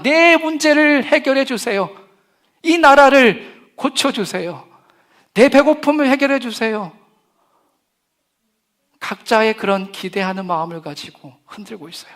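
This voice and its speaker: A middle-aged man preaching a sermon as pastor to young people, lively, with humor and acted quotes. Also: high voice.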